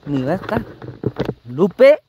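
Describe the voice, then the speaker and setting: A Mexican man chats on a live stream in a high, bouncing voice that climbs and dips a lot. He teases crudely and swears freely. The audio carries a clear layer of background noise. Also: lively intonation, moderate pace. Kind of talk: casual live-stream chat.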